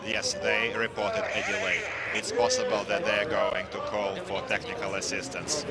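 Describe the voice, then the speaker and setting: A man's voice: on the low side, little pitch movement, moderate pace, a loud crowd. A man giving a live English translation voice-over of sports commentary, hesitant, with frequent fillers and restarts.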